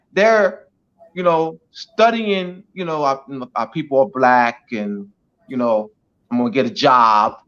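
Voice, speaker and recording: A man with a mid-range, slightly bright voice is a guest speaker giving a teaching talk on an online show. He is emphatic and repetitive, saying "you know" a lot, and the lo-fi audio sounds dull.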